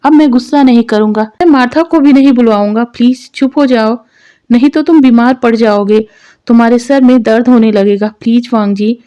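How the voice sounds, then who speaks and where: Woman reads a gentle young man, coaxing, fussing; storybook, light pitch. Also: normal speed, lo-fi sound, natural voice. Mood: pleading.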